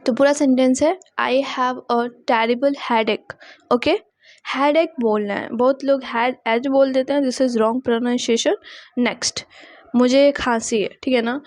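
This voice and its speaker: Brief: young woman, English tutor, slow and clear, slightly high voice, dry close sound. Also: steady tone, a little mellow, no echo. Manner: slow careful repetition of example sentences; mixes Hindi explanation with English phrases. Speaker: English teacher. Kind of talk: spoken English lesson.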